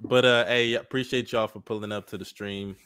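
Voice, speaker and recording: A man's voice: on the low side, fairly even intonation, a little fast, background noise. A man hosting a casual podcast stream, talking in slangy frat-guy banter full of bros. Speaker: podcast host. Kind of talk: casual chat on a sports and anime stream.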